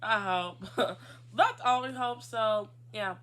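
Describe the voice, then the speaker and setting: A woman co-hosting a casual chat, recapping a cartoon with animated, drawn-out emphasis and frequent laughter. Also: mid-range voice, a little hiss or hum. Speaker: co-host.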